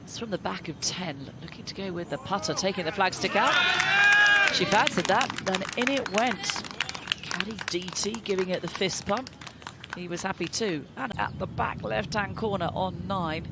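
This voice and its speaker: A man's voice: high voice, normal speed, heavy background noise. A man working as a golf commentator, calling tournament play shot by shot.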